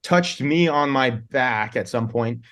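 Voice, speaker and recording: Speaking slowly in a mid-range, slightly bright voice, a band's singer guests on a relaxed interview. He rambles through lengthy tour anecdotes, frequently breaking into laughter and starting sentences over.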